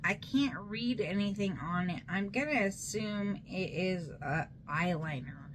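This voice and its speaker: A woman's voice: mid-range voice, unhurried, slight background noise. A tipsy woman, rambling loosely and playfully through a casual makeup unboxing vlog. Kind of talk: casual rambling product show-and-tell.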